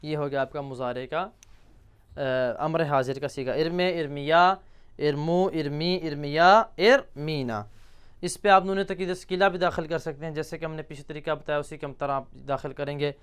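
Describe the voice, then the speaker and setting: Man, grammar teacher, high voice, smooth and resonant, slow recitation of verb forms, asks questions himself. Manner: recites verb paradigms slowly, asks and answers own questions. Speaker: teacher of Arabic morphology. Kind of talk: classroom grammar lesson.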